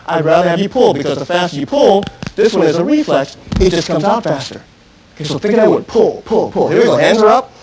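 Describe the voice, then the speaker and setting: A man teaching a self-defense class, coaching step by step and shouting drill commands. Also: high-pitched, low-quality recording. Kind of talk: live class instruction. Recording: archive 1990s instructional video.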